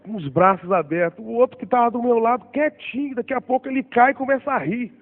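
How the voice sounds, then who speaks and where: A man's voice: very high voice, fast talker. A man, telling his testimony in a sermon and acting out what people said. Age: 40s. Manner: animated storytelling, acting out voices. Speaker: preacher. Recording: tinny phone-like sound.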